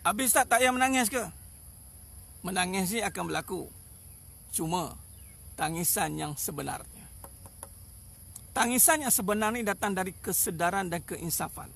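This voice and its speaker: A man's voice: high-pitched, animated, normal speed, creaky, pauses often, fairly bright tone. A man with a Malaysian Malay accent preaching a sermon outdoors, emphatic and repetitive, with many rhetorical questions. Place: outdoors in the sun.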